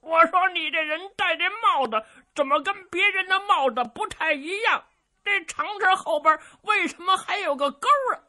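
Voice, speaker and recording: A woman's voice: extremely high pitch, moderate pace, sharp tone, voice pushed up. A woman voicing a naive, simple-minded young giant of a man, with a childlike, blunt, cheeky way of asking questions.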